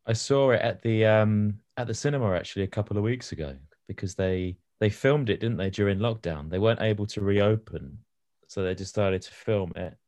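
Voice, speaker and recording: A low-voiced man chatting on a podcast, wandering through his stories with ums and restarts. His delivery is casual and unpolished. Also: brisk, darkish tone. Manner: rambling and hesitant, with filler words. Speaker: podcast co-host. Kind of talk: casual chat.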